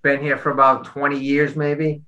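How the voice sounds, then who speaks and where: Guy with a real sharp bright voice, tells his story all animated. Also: medium pitch, moderate pace, dull audio. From Boston. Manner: animated storyteller, repeats words. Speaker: guest athlete. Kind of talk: casual storytelling interview.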